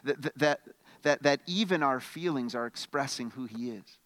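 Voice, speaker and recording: Speaking at a moderate pace in a medium-pitched voice, a male pastor delivers a conversational sermon, alternating loud emphatic outbursts with quiet questions and often tripping over repeated words. The recording has no echo.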